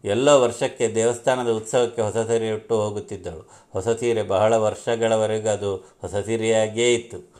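A man narrating a first-person story in a slow, reflective, heartfelt manner. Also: lowish voice, a little mellow.

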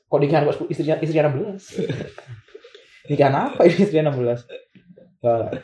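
A man's voice: fairly high pitch, fast talker. Swearing, laughing guy. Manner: swears a lot, laughs, excitable. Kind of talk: casual chat. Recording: echoey room.

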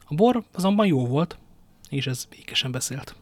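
A man reading a novel aloud as narrator, steady with occasional slips and restarts. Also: fairly high pitch, dry recording. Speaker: reader. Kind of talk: audiobook narration.

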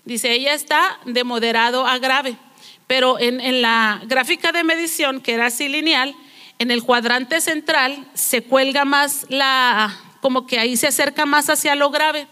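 Bright high-voiced woman preaching. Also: unhurried, in a large hall. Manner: earnest, storytelling, rhetorical questions. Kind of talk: sermon. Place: church.

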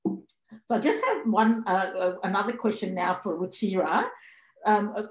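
A woman's voice: medium pitch, animated, moderate pace, echoey room, poor audio. A woman from Sri Lanka moderating a panel discussion, speaking hesitantly with many fillers and restarts.

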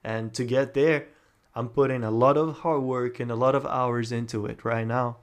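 A man's voice: medium pitch, fairly even intonation, normal speed. A young man co-hosting a casual podcast Q&A, upbeat and enthusiastic, often laughing between answers. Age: young adult. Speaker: podcast co-host. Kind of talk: casual Q&A chat. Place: home setup, recorded for a podcast.

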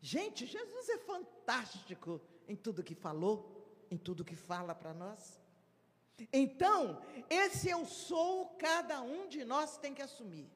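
Slow-speaking woman giving a spiritist lecture. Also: sits high, big pitch swings. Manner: emphatic, acts out little dialogues. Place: large hall at a spiritist event. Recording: reverberant lecture hall.

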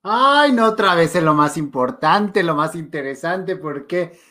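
A woman's voice: fairly low pitch, lively intonation, measured pace, pushed and bright. A woman hosting an interview, chiming in playfully and egging her guest on. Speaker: host. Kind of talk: conversational interview.

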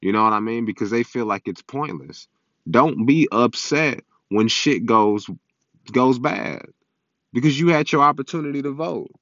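A man's voice: medium pitch, lively intonation, moderate pace, a bit bright, no room sound. A man in his early twenties hosting a podcast, recorded on a phone instead of a microphone, talking in a blunt, profane, preachy way. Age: early 20s. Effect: recorded on a phone, not a microphone. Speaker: podcast host. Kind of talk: casual opinion monologue. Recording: dull lo-fi phone recording, dry.

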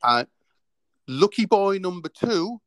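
Lively, playful male radio host. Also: sits high, slow, no room sound. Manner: playful, laughing, mimics customers. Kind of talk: casual radio chat.

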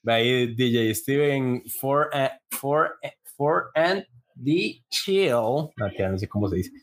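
A man's voice: medium pitch, animated, slow. A man with a Costa Rican accent, joking around as a podcast co-host. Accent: Costa Rican Spanish. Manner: joking banter. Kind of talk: casual chat.

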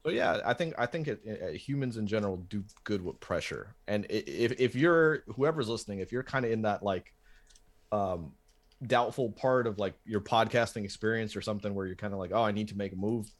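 A man in his thirties with a fairly low voice, talking loosely as a podcast guest. He rambles, restarts his sentences and cracks self-mocking jokes. The talk is easygoing and unscripted. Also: animated, fairly quick. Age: 30s. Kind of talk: casual podcast chat.

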